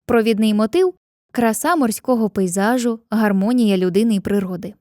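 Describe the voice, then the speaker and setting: Mellow-voiced woman narrating a literature lesson. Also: medium pitch, no echo, studio quality. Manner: clear, measured delivery, reading poetry slowly. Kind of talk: scripted educational narration.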